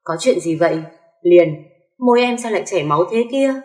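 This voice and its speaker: Upset young husband yelling, voiced by a woman; echoey room. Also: fairly low pitch, lively intonation, fairly quick, natural voice. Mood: alarmed. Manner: shouting, upset.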